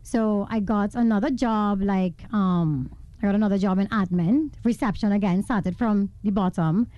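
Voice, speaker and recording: A woman from Venezuela, a guest telling her life story in a casual interview, animated and laughing often. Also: medium pitch, normal speed, dry recording, muffled recording. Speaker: guest entrepreneur.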